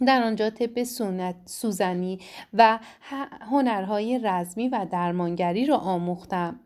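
A woman reading the lines of a blunt, self-assured woman traveler, calm and matter-of-fact. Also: medium pitch, lightly acted. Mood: firm.

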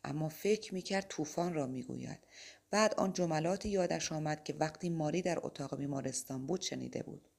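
A woman narrating a spiritual novel as an audiobook, reading in a steady, measured way. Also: low-pitched, vocal fry.

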